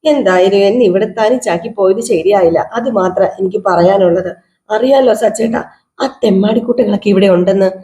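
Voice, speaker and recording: A woman's voice: mid-range voice, a little fast, mellow, close to an everyday voice. A woman voicing a reproachful young wife who scolds her husband for leaving her alone. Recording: roomy echo.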